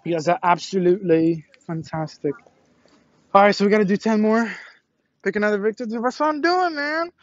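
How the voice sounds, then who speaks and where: A young man live-streaming outdoors on a college campus from a selfie stick, excitable and slangy, laughing often and swearing, out of breath and sweaty after push-ups. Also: high-pitched, fairly quick, no room sound, muffled recording. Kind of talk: casual live-stream chat. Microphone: selfie stick tripod.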